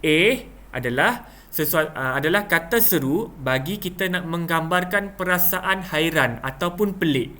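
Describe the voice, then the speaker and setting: A man's voice: on the high side, animated, normal speed, pushed and bright. A young man with a Malaysian Malay accent teaching a lesson, acting out examples with exaggerated intonation and many fillers. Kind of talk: classroom lesson explanation.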